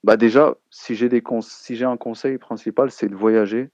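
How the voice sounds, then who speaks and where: Hosting a relaxed live chat, a man speaks hesitantly, pausing often and using many fillers. His gravelly voice is mid-range, fairly even and a little mellow, captured on a dull lo-fi recording with no room sound.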